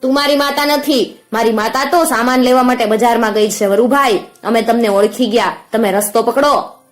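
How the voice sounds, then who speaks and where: A woman's voice: on the high side, moderate pace, faint music behind, pitched above the performer's own voice, lightly acted. A woman voicing a clever, bold eldest goat kid who firmly refuses to open the door. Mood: defiant. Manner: firm, defiant. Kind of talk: storybook narration.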